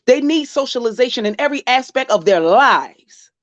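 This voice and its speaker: A woman's voice: on the high side, animated, moderate pace, no echo, dull audio. A woman vlogger giving blunt, profane, scolding commentary, talking straight to the person she is criticizing. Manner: blunt, scolding, profane, addresses the subject directly. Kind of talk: casual reaction commentary.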